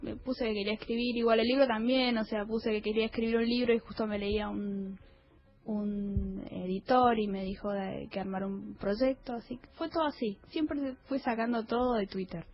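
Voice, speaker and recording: A woman's voice: fairly high pitch, fairly even intonation, normal speed, lo-fi sound, faint music behind. Cute anime-voiced Argentine woman. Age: early 30s. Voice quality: small, cute, girlish anime-like voice. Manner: giggly, informal. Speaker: interview guest, historian and author. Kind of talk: casual chat.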